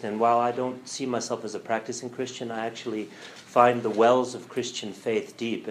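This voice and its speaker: A middle-aged man, a religion professor, giving a relaxed, thoughtful lecture with fillers and a light sense of humor. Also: fairly low pitch, a little hiss or hum, low-quality recording. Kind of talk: lecture to a church audience.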